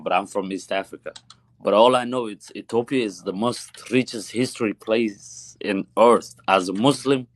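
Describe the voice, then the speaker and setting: A man's voice: lowish voice, no room sound. A man from Somalia calling into a live chat, asking questions hesitantly and restarting his sentences. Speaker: caller. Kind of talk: casual chat.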